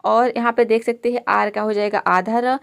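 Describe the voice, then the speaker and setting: A woman's voice: fairly high pitch, steady tone, normal speed, creaky, clear, resonant tone. A woman teaching an English pronunciation lesson step by step, patiently explaining each letter and asking rhetorical questions to her students.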